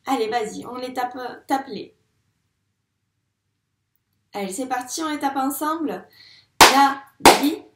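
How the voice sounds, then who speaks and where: Slow, patient woman teaching phonics. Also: sits high, animated, reverberant. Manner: patient, repeats sounds slowly and asks questions to a child. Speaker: primary school teacher. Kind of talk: phonics lesson for young children.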